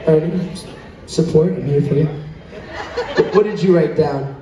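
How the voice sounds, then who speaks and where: Upbeat high-voiced male cruise director, echoey. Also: measured pace, warm tone, muffled recording. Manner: upbeat, teasing showman. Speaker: cruise director hosting a couples game show. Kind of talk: live game show hosting. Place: large indoor show venue on a cruise ship. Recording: echoey hall, distant, faint background noise.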